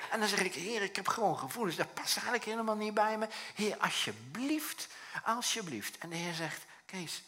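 Male pastor, bright tone, chatty sermon delivery, acts out little scenes. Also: medium pitch. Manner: lively, conversational, acts out little dialogues.

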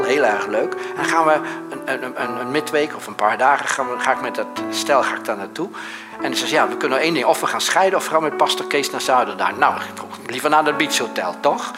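Middle-aged male pastor preaching over soft background music, shifting between animated stories and quiet hushed passages. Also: medium pitch. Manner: anecdotal, swings from loud and animated to soft and hushed. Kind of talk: sermon.

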